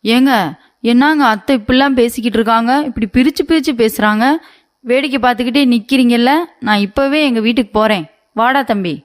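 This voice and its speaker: A woman's voice: on the high side, fairly quick, lightly acted. Woman voicing a whiny pleading young wife. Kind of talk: cartoon comedy voice acting.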